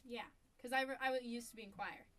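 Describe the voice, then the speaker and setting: A woman's voice: a little high, steady tone, fast talker. A woman taking a violin lesson who talks casually and jokes at her own expense. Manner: joking, self-deprecating. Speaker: violin student. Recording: loud background noise.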